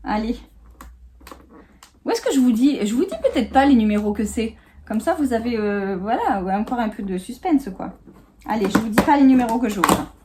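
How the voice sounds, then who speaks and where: A chatty woman in her thirties with a slightly high voice talks loosely and giggles often, full of little fillers. She sits on a small sofa in her home office and speaks to the camera. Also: lively intonation, normal speed, warm tone, slight background noise. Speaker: vlogger. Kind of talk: casual unboxing chat.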